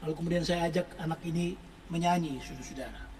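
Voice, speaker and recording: High-voiced preacher telling a story. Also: male voice, fast talker, darkish tone, far from the mic, a little hiss or hum, rough recording. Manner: storytelling, addresses the congregation as brothers and sisters, sings song lines. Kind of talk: sermon.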